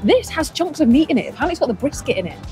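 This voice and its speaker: A woman's voice: sits high, sing-song, racing, dark tone, faint music behind. A woman co-hosting a food vlog, chatting casually and gushing with delighted exclamations as she tastes. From United Kingdom. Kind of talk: casual chat while tasting food.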